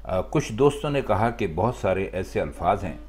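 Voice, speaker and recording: Man, language teacher, formal, deliberate, repeats words, low husky voice. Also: expressive, a little mellow, faint music behind. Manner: slow, careful, formal, repeats words for emphasis. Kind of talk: spoken lesson on pronunciation.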